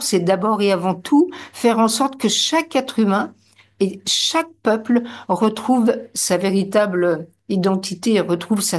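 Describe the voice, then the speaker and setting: A woman guest on a panel talks in an earnest, emphatic way. Her pitch sits in a middle range, and she hesitates often as she makes her points. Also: darkish tone. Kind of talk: panel discussion.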